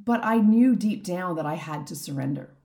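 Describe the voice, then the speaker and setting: Croaky, earnest woman podcast host. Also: lowish voice, animated, moderate pace, mellow. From Canada. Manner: earnest, heartfelt, openly emotional. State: slightly croaky from a throat infection. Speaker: business and life coach, podcast host. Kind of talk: reflective solo podcast monologue.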